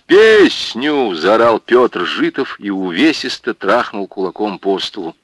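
A man reading a novel aloud as an audiobook narrator, in measured, expressive storytelling. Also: fairly low pitch, no echo. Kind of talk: scripted narration.

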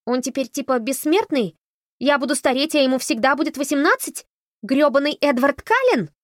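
A woman voicing a rude, shocked teenage girl who snaps and shouts defiantly. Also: high voice, animated, moderate pace, no room sound, clean studio sound, pitched above the performer's own voice. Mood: indignant. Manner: shouting, snapping, indignant.

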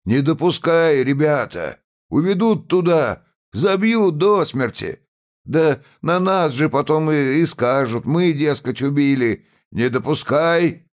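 A blue-eyed peasant man, played by a male reader from an audiobook tale, with a strong voice. He speaks slowly and calls out to the crowd, his pitch moving widely. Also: sing-song, gravelly, darkish tone, heavily acted. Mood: urgent rousing. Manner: slow, then urgently calling out to the crowd. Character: calm blue-eyed peasant man, resigned then rousing.

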